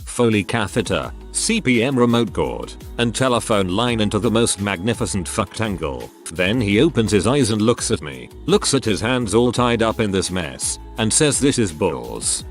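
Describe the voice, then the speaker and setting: Man, scripted storytelling narration, lowish pitch, animated intonation, faint music underneath. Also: normal speed, few pauses. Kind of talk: scripted narration of humorous online stories.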